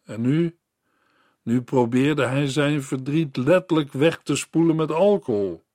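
A man narrating a story in a radio Bible broadcast, reading in a measured, earnest way and turning to the listener. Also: a little high, darkish tone, no echo, clean studio sound.

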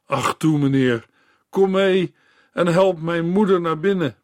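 A man's voice: fairly high pitch, measured pace, dry recording, clean studio sound, pitched above the performer's own voice, close to an everyday voice. A man voicing a poorly dressed young girl who begs urgently for help, reading a storybook tale aloud. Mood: pleading. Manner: begging, urgent. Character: poor young girl, pleading and desperate.

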